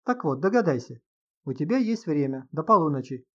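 Man reading a cold flat wife, detached, lifeless tone, dull lo-fi sound. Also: a little high, fairly quick.

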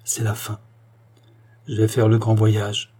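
A dying old doctor in a storybook reading, voiced by a man, faint and tender. His voice is soft, dark and husky. He sighs between his words. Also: lowish voice, completely flat delivery, slow. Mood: resigned. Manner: faint, sighing.

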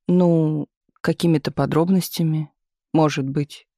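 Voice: mid-range voice, steady tone, unhurried, mellow, dry recording, lightly acted. A shy, awkward young playwright, hesitant and eager, read by an audiobook narrator close to his own voice. He speaks timidly. The recording is close and dry.

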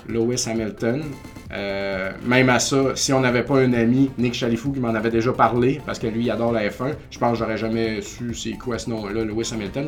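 A man with a Québécois French accent tells a story on his podcast. He is casual and lively and slips into the voices of the people he quotes. His pitch sits in the middle, and faint music plays under him. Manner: animated, acts out quoted voices. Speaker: podcast host.

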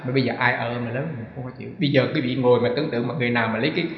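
A man's voice: medium pitch, steady tone, racing, a little hiss or hum. A monk giving a conversational sermon, often asking his listeners rhetorical questions and using homely, humorous examples. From Vietnam. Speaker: Buddhist monk giving a dharma talk. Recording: reverberant dull hall recording.

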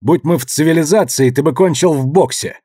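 A man's voice: on the high side, fairly quick, dark tone, husky, no room sound, clean studio sound, pitched above the performer's own voice. A man voicing a cruel young male soldier who barks insults at his prisoner. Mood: snarling. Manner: snarling, barking insults.

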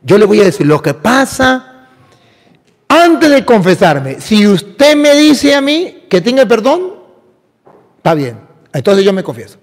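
A priest putting on the voice of a tormented man sure he can't be forgiven. He sounds despairing and insistent, a little higher than usual, in a hall with a long ringing echo. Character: tormented middle-aged man, guilt-ridden, pleading.

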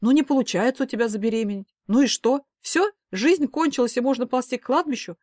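A woman's voice: mid-range voice, a little fast, darkish tone, no room sound, studio quality, lightly acted. A woman voicing a worried middle-aged mother who scolds and pleads emphatically. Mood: urging.

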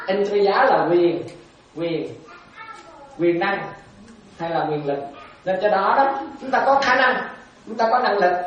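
A woman, a Buddhist monastic teacher giving a dharma talk to lay followers. She questions her listeners often, repeats key phrases and laughs lightly. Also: mid-range voice. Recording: very echoey and distant, dull sound.

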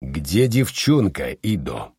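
A man voicing a quiet, controlled male consul who leads an alliance in an audiobook. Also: medium pitch, big pitch swings, unhurried, slightly rough, dry recording, clean studio sound. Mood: menacing. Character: quietly menacing middle-aged male alliance leader.

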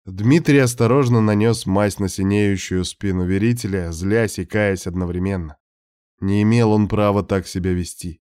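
Low-voiced guy reading an audiobook, steady pace, dry close mic. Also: normal speed, smooth, no room sound. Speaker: audiobook narrator. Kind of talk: scripted narration.

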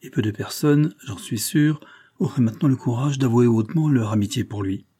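A man voicing a sly police detective who speaks in a soft, humble, insinuating way in an audiobook. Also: mid-range voice, a little fast, husky, natural voice. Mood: unctuous. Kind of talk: audiobook character voice.

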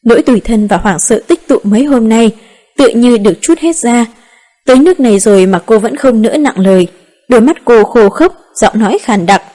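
Calm, steady woman narrator. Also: on the high side, fairly quick. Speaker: audiobook narrator. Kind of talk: scripted narration of a romance novel.

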